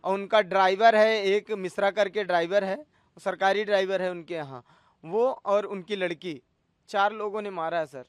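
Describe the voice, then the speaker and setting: A man's voice: sits high, fairly even intonation, normal speed, smooth, dry recording. A man in his thirties, a cook, pleading his case in a news interview and calling the interviewer sir again and again. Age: 30s. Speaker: cook alleging assault.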